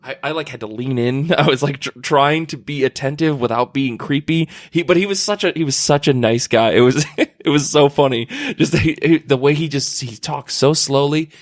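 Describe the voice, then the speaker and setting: A man's voice: medium pitch, normal speed, hardly any pauses, dry recording, clean studio sound. Laughing, swearing podcast guy. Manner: animated storyteller, swears, laughs often. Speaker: podcast co-host. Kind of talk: casual chat. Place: comic convention, recorded on site.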